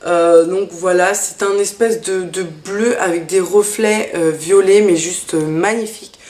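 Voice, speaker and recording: A woman's voice: fairly low pitch, steady tone, unhurried, darkish tone, echoey room. A woman vlogger chatting casually through a makeup haul, hesitant, with many fillers. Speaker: beauty vlogger.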